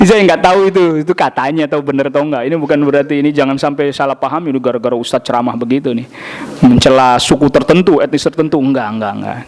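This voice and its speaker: A man's voice: medium pitch, fast talker. A man giving a mosque study lecture, telling anecdotes with jokes and answering questions directly. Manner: lively storytelling with jokes and acted quotes. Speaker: Islamic preacher.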